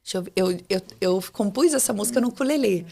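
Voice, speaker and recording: A woman's voice: mid-range voice, expressive, quick pace, vocal fry, a little mellow. A young woman, a podcast guest giving an earnest, emotional faith testimony and repeating words for emphasis.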